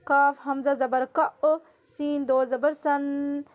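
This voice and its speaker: A woman teaching Quran reading, spelling out syllables slowly and dragging them out, then giving quick explanations in a Pakistani Urdu accent. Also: sits high, flat delivery. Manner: slow drawn-out syllables, brisk asides.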